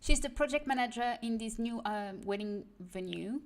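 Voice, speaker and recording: Higher-voiced woman, searching for English words. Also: normal speed. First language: not English. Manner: translating in her head, searching for English words. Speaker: host of a game building stream. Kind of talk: casual live game commentary.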